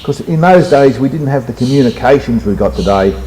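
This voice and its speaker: A man's voice: mid-range voice, lively intonation, fairly quick, dark tone, low-quality recording. An older man with a rural Australian accent, reminiscing conversationally in a plain-spoken, laconic country drawl. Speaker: livestock carrier reminiscing. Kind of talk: conversational oral history. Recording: faint background noise and ambience.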